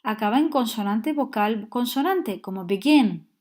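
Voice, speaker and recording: Woman teaching grammar, slightly high. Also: expressive, unhurried, a little mellow. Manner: clear, patient explaining with frequent check-ins. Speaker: English teacher. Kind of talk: grammar lesson.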